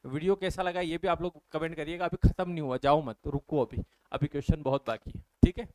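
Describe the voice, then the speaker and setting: A man from India teaches an exam-prep maths lesson, explaining step by step and repeatedly asking his viewers questions and answering them. His voice sits on the high side and is brisk, with background noise.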